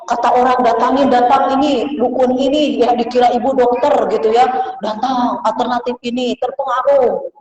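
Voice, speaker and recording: A woman's voice: a little high, fairly even intonation, moderate pace, highs cut off. Echoey far-off woman preaching to women. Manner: addresses listeners as Bu, softens into hushed prayers. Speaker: religious teacher. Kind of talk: women's study circle sermon.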